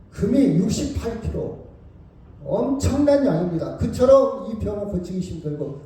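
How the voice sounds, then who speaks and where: A man's voice: high-pitched, warm tone, heavy reverb, recorded from a distance, rough recording. A male pastor preaching a sermon, retelling a story, acting out its quoted lines and asking the congregation questions. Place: church hall.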